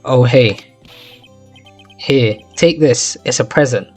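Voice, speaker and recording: A man's voice: mid-range voice, slow, darkish tone, soft background music. A man voicing a lovesick young man in a courtroom game, whiny and melodramatic, in a put-on accent. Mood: mopey.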